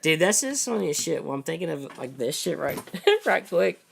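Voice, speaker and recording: Hoarse, gravelly-voiced man rambling on a live stream. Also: on the high side, very animated, normal speed. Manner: profane, rambling storytelling. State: hoarse, voice going out. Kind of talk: casual live-stream chat.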